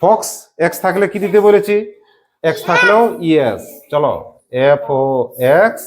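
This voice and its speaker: A woman teacher runs a classroom grammar lesson in a lowish voice. She keeps the class engaged with constant questions and spells words out one letter at a time. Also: expressive, normal speed, a crowd in the background. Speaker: English teacher.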